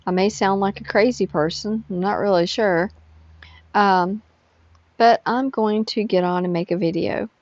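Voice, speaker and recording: A middle-aged woman vlogger chatting casually to her viewers, tired and rambling slowly with lots of fillers. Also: medium pitch, fairly even intonation, dry recording. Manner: slow, drowsy rambling with frequent fillers. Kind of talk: casual chat to camera. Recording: dull, lo-fi sound.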